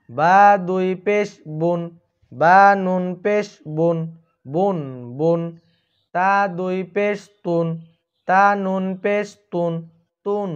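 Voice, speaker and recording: High, slow-chanting male tajweed teacher. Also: darkish tone, clean tone. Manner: slow, drawn-out chanting of letter drills, quicker when explaining. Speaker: Quran recitation teacher. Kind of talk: tajweed lesson, drilled letter chanting. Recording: dull lo-fi sound.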